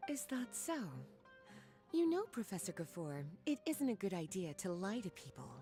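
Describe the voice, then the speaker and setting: A woman's voice: mid-range voice, very animated, normal speed, warm tone, soft background music, close to an everyday voice. [name], a woman as a sultry, teasing scholar. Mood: coolly dismissive.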